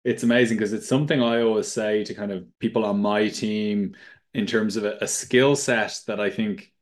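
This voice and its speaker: A man's voice: on the low side, steady tone, moderate pace. A man hosting a podcast interview, asking conversational questions in a friendly way. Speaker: podcast host.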